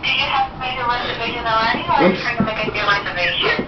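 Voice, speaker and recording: A woman answers as a hotel receptionist in a fairly high voice. She sounds distant and muffled, as if on a speakerphone in an echoey room. Noise sits clearly over the line. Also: fast. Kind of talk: phone customer service.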